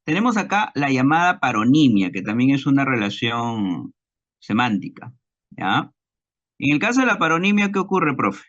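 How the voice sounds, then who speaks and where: A man with a Peruvian Spanish accent teaching a recorded class lecture, slow and deliberate, repeating examples and checking understanding with tag questions. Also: medium pitch, big pitch swings, fairly bright tone, highs cut off.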